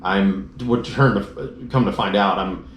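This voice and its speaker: Deep-voiced and unhurried, a man from the Dallas-Fort Worth area casually describes his motorcycle crash and how he made it home. He tells it with animation, acting out what others said. Faint noise sits beneath the echo of a roomy room.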